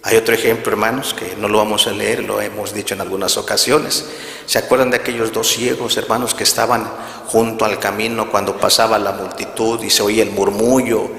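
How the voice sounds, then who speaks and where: Gravelly preacher in an echoey hall. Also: male voice, lowish voice, little pitch movement, brisk, fairly bright tone. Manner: repeats "brothers" and "right?" often, acts out Bible scenes. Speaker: minister. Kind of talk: sermon.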